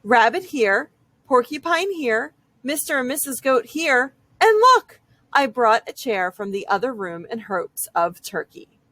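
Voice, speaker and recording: A woman's voice: fairly high pitch, sing-song, measured pace, a bit bright, no room sound, exaggerated voice. A woman voicing a gracious, welcoming female moose hostess in a storybook, polite and attentive. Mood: delighted, welcoming.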